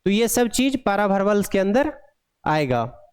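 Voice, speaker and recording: A man teaching pharmacy, reading lines slowly and explaining them in Hindi, often asking the class questions. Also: sits high, sing-song, darkish tone, clean tone. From India. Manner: asks the class rhetorical questions. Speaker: pharmacy lecturer. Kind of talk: classroom lecture.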